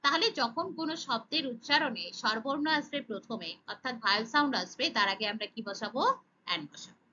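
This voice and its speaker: Bengali-accented woman teacher, high bright voice, self-answering questions, dull lo-fi sound. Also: fast. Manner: asks and answers her own questions, says "okay" often. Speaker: English teacher for children. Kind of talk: explaining grammar lesson.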